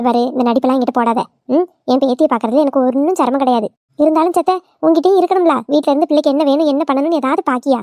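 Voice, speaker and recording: A woman's voice: sits high, very fast, few pauses, warm tone, no room sound, studio quality, close to an everyday voice. A woman voicing a scolding older village mother-in-law, in a cartoon. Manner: nagging, scolding. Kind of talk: cartoon voice acting.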